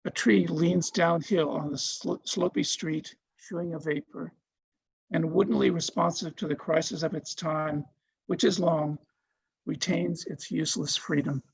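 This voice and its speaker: Slow, solemn man reading poetry, voice gravelly. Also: fairly high pitch, steady tone, poor audio. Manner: solemn, measured, deliberate phrasing. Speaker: poetry reader.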